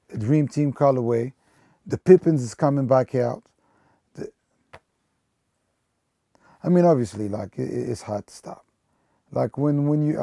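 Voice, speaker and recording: This casual documentary interview features a man in his thirties from Belgium who manages a sneaker store, rambling with many fillers and restarts. He has a warm, gravelly voice at medium pitch, recorded at studio quality with no echo.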